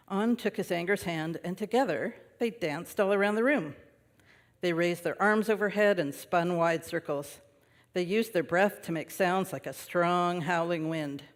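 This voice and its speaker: A male minister reads a children's story aloud in a gentle, easy storytelling manner. His voice sits a little high and rings through a large worship hall with a long reverb. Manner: gentle storytelling with light, laughing asides.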